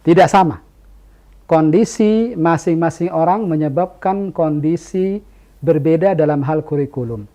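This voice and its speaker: High-voiced man teaching Arabic, animated. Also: measured pace. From Indonesia. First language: Indonesian. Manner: asks the class questions and answers them himself; animated, stresses key words. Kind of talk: classroom lecture.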